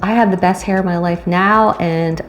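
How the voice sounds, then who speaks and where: A woman in her fifties chats straight to camera from a room at home. She is animated and talkative, rushing through asides, then slowing right down to stress a point. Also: fairly low pitch, a little hiss or hum. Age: 50s. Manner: chatty, animated, swings between quick asides and slow stressed phrases. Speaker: retirement vlogger and coach. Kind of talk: casual talk to camera.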